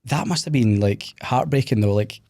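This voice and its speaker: A man's voice: medium pitch, animated, normal speed, gravelly, warm tone, no echo, studio quality. A man hosting a podcast, asking supportive, rambling questions in a casual interview. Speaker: podcast host.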